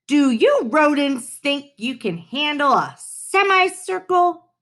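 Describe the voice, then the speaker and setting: Woman as a male mouse teacher, laid-back, kindly firm, measured, lively intonation, storybook. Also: sits high, voice pushed up, heavily acted. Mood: jovial. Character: cool, easygoing male schoolteacher mouse, winking and kindly firm.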